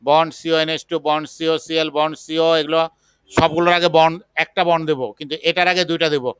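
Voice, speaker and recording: A man teaching a chemistry class, slowly dictating the material. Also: on the high side, little pitch movement, a bit bright, smooth, no echo. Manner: slow, patient dictation. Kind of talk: classroom lecture.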